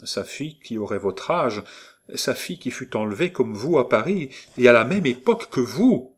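A man's voice: medium pitch, sing-song, normal speed, breathy edge, pitched above the performer's own voice. Man voicing an ardent young lover. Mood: urgent. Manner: impassioned, louder, urgent.

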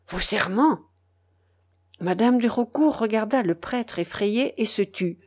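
A woman reading a classic novel aloud in an expressive, dramatic narration. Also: mid-range voice. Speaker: reader.

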